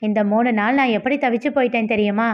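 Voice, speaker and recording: A woman's voice: a little high, fairly even intonation, quick pace, dull audio, close to an everyday voice. A woman voicing a young man who is emotional and hurt, speaking tearfully and reproachfully to his friend. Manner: tearful, pleading, then reproachful.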